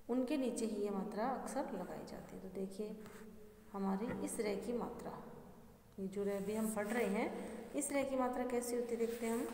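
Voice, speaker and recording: A woman with a fairly high voice teaches young children in a patient, step-by-step way. She repeats each word slowly and keeps asking the class questions. The recording sounds roomy, with a long reverb trailing after her words. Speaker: primary school Hindi teacher. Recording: echoey room with long reverb.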